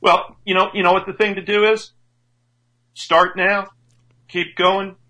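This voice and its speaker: A strength coach in his fifties chats enthusiastically on a casual radio show, sometimes stumbling and restarting his sentences. His high, bright voice is forceful, flat in delivery and measured in pace.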